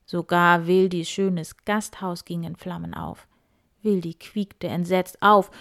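A woman storyteller reading a children's tale aloud. She reads in a lively, expressive way, sometimes dropping low and soft.

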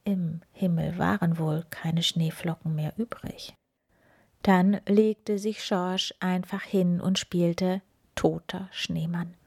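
Brief: woman storyteller in a whispered role-play, slow and breathy, gentle with children. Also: lowish voice, steady tone. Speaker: storyteller reading a picture book.

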